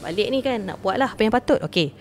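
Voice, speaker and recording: A woman telling a personal story in a casual, animated way, acting out the voices she quotes. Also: mid-range voice, fast, a little hiss or hum.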